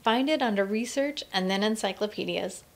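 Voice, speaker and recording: A woman narrating a scripted screencast tour of a college library website, reading in a clear, friendly instructional way. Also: mid-range voice, moderate pace.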